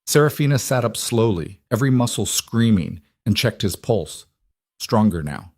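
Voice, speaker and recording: Low-voiced male audiobook narrator. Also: animated, a little mellow, dry recording, clean studio sound. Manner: measured, dramatic storytelling.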